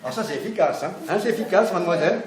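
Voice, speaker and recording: A middle-aged man demonstrates massage technique, talking steadily to his class and checking in often. His voice sits a little high for a man. The room echoes, with a faint hum of noise behind him. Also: animated, very fast. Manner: chatty, keeps checking in with the class. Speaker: massage instructor. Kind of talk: hands-on teaching demonstration. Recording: roomy echo, faint background noise.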